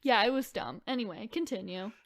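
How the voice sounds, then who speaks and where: This young woman co-hosts a podcast, trading casual, joking banter about creepy folklore that is full of informal filler words. Her voice sits on the high side, expressive and a little fast, with no echo.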